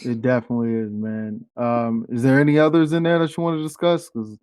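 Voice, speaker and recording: A man hosting a casual music interview, relaxed and agreeable, often saying "pretty much". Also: mid-range voice, brisk, smooth, dry recording. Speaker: podcast interviewer.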